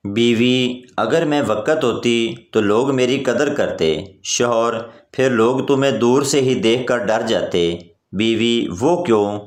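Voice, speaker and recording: A man's voice: mid-range voice, takes it slowly, few pauses. A man reading out a string of short jokes in a plain storytelling way, giving every character the same voice. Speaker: joke narrator. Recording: roomy echo.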